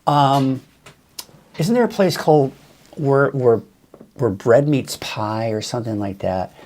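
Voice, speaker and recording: A man hosting a casual live weather show, chatting in a rambling way and thinking aloud with fillers. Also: mid-range voice. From Northern California. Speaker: weather host. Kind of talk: casual live-stream forecast chat.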